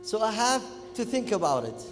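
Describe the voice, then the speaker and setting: A Kuwaiti man, a native Arabic speaker with a Gulf Arabic accent, leads a public speaking workshop for students in an echoey event hall. His lecture is animated, informal and interactive, and he often checks in with them. His voice sits high at a moderate pace, with music in the background.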